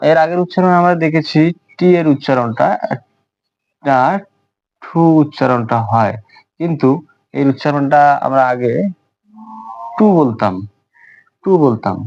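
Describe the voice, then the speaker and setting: A man's voice: on the high side, darkish tone, no echo, highs cut off. A man giving a beginner's English pronunciation lesson, talking hesitantly and repeating words with many fillers. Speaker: English teacher. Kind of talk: spoken English lesson in Bengali.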